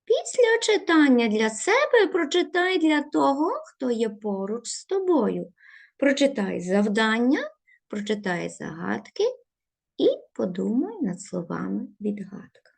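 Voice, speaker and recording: A woman teacher giving a recorded video lesson to young pupils, setting out instructions slowly and stressing each word. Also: on the high side, very animated, creaky. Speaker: primary school teacher.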